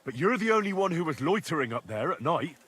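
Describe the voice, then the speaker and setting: A young man presenting evidence in a video game trial. His voice sits a little high with a breathy, husky edge, earnest and plain. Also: big pitch swings, fast, fairly bright tone, exaggerated voice. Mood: accusing. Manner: earnest, matter-of-fact.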